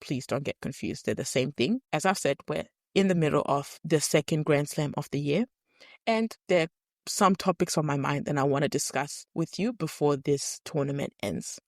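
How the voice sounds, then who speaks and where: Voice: medium pitch, normal speed, no room sound, clean studio sound. A podcast host talking through a stuffy cold, sniffling and a bit nasal, giving earnest, opinionated solo commentary.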